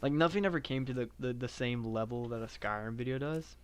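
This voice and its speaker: A man live-streaming a game, chatting casually in a self-described monotone with lots of filler words. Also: medium pitch, brisk, smooth. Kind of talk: casual live-stream chat while playing.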